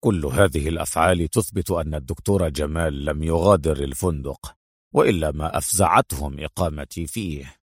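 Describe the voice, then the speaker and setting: A man reading as a stern secret agent hero, pitched well below the narration, low and measured. The agent in this audiobook sounds controlled and firm. The dry, close recording leaves no room sound. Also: no echo. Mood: calm. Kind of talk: audiobook character voice.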